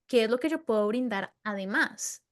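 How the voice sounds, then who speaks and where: A woman's voice: on the high side, lively intonation, normal speed. A woman from Latin America hosting a casual interview, talking earnestly with fillers like "como" and tag questions. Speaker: podcast host.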